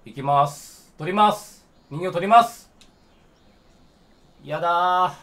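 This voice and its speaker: A young man giving jokey, excitable commentary while playing a game. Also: high-pitched, slow pace. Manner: excitable, jokey, reacting out loud. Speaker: game streamer. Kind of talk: let's play commentary.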